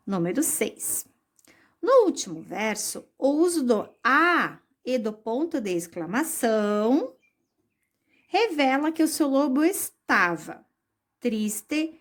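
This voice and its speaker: Woman, high voice, primary school teacher, patient and slow, recorded lesson. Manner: slow, patient explanations with diminutives. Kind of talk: recorded remote lesson for children.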